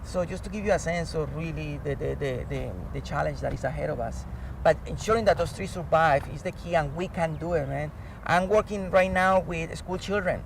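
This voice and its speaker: A Colombian man whose first language is Spanish speaks fairly quickly in a high-pitched, creaky voice. He is a professor and climate change expert, giving animated explanations as an interview guest. The outdoor recording uses a distant mic, with traffic noise clearly heard.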